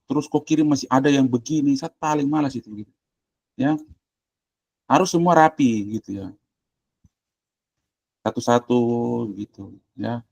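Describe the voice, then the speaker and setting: A man's voice: a little high, no room sound. A man, a university lecturer giving blunt, casual instructions while working through a shared screen on a video call. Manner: blunt, directive, colloquial, thinking aloud while clicking. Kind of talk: informal screen-share tutoring.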